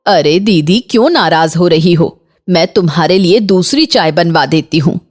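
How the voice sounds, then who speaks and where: A woman voicing a stern middle-aged mother-in-law in a cartoon, talking in a measured, commanding way. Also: fairly low pitch, animated. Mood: wary. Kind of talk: Hindi cartoon voice acting.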